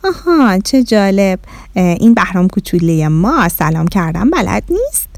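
A woman's voice: mid-range voice, sing-song, no echo. A woman voicing a kind mother who speaks in a friendly, lightly teasing way. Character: kind mother, gently surprised.

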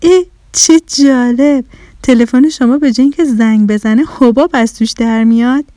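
Patient listener, voiced by a woman, calm, drawn-out questions, mellow and fairly high. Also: no room sound, lightly acted. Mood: curious. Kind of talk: children's storytelling.

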